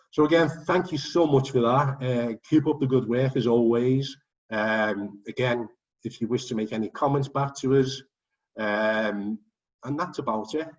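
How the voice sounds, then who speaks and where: A man chairing an online forum, talking in a chatty, joking way with plenty of ums, over a video call. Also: fairly low pitch. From England. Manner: chatty, jokey, full of ums. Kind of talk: online meeting chat. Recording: distant, dull video call audio.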